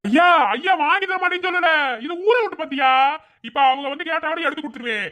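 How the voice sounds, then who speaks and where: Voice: very high voice, quick pace. A voice actor playing a patient old grandfather in a cartoon, with a Madurai Tamil accent. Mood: soothing. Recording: loud background noise.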